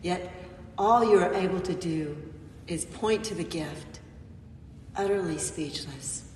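A woman pastor giving a gentle, reflective sermon with frequent pauses, recorded in a church sanctuary from a distant mic. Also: lowish voice, slight background noise. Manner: gentle, reflective, pausing often. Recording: echoey church, mic far off.

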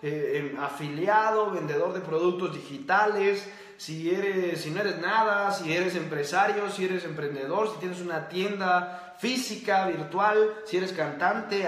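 A motivational host speaks to camera in a high, fairly bright voice, and the sound is roomy. Emphatic throughout, he repeats key phrases and keeps putting quick yes-or-no questions to his listeners.

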